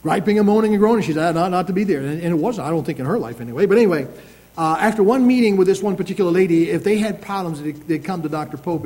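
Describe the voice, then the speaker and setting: A man's voice: sits high, warm tone, poor audio. Man preaching an emphatic sermon. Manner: preaching with slow emphatic phrasing and scripture readings; conversational asides with restarts. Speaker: pastor.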